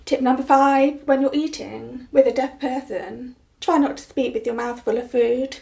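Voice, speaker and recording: Woman in her forties, high-pitched, gravelly fry, clear deliberate delivery. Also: steady tone, a little mellow. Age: 40s. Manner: clear, deliberate speech with tips. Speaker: blogger. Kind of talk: scripted presentation.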